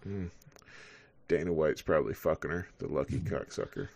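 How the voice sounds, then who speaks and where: A man's voice: a bass voice, moderate pace, vocal fry, a little mellow, no echo. A man co-hosting a casual chat while watching a fight stream, rambling and swearing with lots of fillers. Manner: profane, rambling, frequent fillers. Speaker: co-host.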